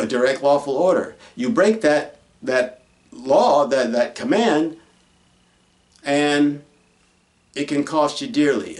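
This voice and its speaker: A man preaching in a slow, deliberate way, leaning hard on each point and answering his own rhetorical questions. His voice sounds a little distant from the microphone. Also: fairly high pitch. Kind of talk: folksy sermon on the commandments.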